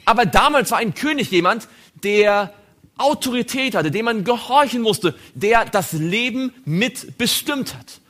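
A man preaching a sermon, dramatically acting out biblical dialogue and swinging between loud emphasis and hushed tones. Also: high-pitched, lively intonation, measured pace.

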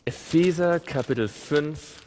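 A man's voice: fairly high pitch, measured pace, slight background noise. A man preaching a Bible study sermon and asking his listeners questions as he tells the story. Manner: asks the audience questions, animated storytelling. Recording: long hall reverb.

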